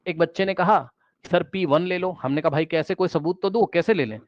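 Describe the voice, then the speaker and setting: A man's voice: on the high side, a little fast, no echo, lo-fi sound. A man teaching a math class, questioning students directly and repeating key phrases, mixing English math terms into his explanation.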